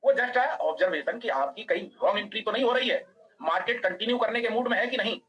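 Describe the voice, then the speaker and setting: Fast-talking man teaching a trading class. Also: high voice, animated, fairly bright tone, breathy edge, rough recording. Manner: fast, explaining a chart, quizzing students by name. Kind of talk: live online class.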